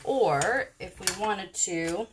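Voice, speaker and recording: A woman's voice: medium pitch, animated, slow pace, noisy background. A woman chatting through a card-making tutorial in a rambling, self-correcting way, with the hiccups. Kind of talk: casual craft tutorial.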